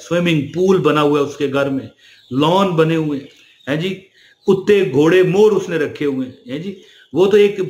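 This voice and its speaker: Religious speaker, male, slightly high voice, chatty, roomy echo. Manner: chatty, addresses listeners with "ji" fillers. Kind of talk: casual spiritual talk to camera.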